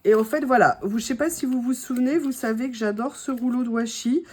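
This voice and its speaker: A woman with a French accent and a slightly hoarse voice, chatting casually to viewers as she opens her mail, gushing and full of fillers. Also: fairly high pitch, a little fast, darkish tone. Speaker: craft vlogger opening mail.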